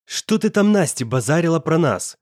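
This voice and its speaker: A man's voice: mid-range voice, sing-song, moderate pace, no room sound, studio quality. A man playing an angry young male student who talks in a coarse, slangy, threatening way. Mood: menacing.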